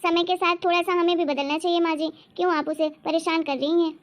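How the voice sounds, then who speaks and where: Gentle, sympathetic young sister-in-law for a cartoon, high and soft, played by a woman. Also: level tone, fairly quick. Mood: pleading. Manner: soft-spoken, pleading, sympathetic. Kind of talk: cartoon story voice acting.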